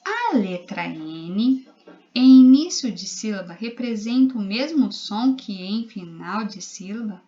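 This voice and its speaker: A woman teacher with a Brazilian Portuguese accent talks slowly and patiently to young children, spelling out letters and syllables one by one. Her voice sits at a middle pitch. The lo-fi home video audio sounds a little dull. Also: expressive, dark tone. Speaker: primary school teacher. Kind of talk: recorded literacy lesson for young children.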